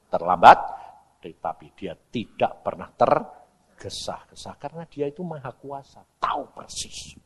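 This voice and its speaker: A man preaching a storytelling sermon, acting out the voices in his own stories. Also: high-pitched. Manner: animated, acts out voices in his stories, mixes in Javanese words. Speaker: evangelist preacher.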